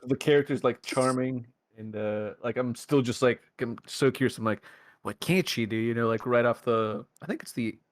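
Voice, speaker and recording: A man's voice: medium pitch, steady tone, moderate pace, few pauses, dry recording, studio quality. A man in his thirties co-hosting a podcast, chatting casually and thinking aloud with many fillers. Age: 30s. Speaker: podcast co-host. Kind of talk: casual chat.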